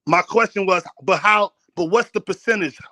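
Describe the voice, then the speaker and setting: A man's voice: high-pitched, normal speed, a crowd in the background. A man in a heated debate, insistent and talking over the others.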